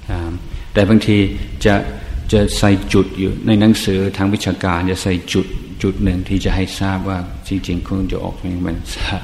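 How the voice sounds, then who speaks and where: Male lecturer, slightly low voice, halting delivery, echoey hall recording. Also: slight background noise. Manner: halting, many fillers and restarts, asks the class questions. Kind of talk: bilingual classroom lecture.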